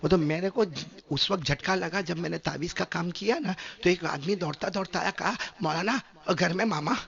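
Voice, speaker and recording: A man from Gujarat, preaching an animated, humorous sermon and questioning his listeners, in a dull lo-fi recording. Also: high-pitched, gravelly. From Gujarat, India. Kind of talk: sermon with anecdotes.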